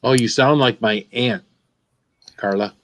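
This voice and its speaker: A man's voice: medium pitch, a little slow. A man chatting and teasing others on a casual livestream call. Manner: teasing, talkative.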